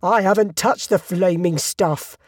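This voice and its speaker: A woman voicing a blustering, angry middle-aged man who shouts in high, strained cries during a storybook reading. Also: measured pace, slightly rough, dry recording, clean studio sound. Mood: furious. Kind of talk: storybook read-aloud.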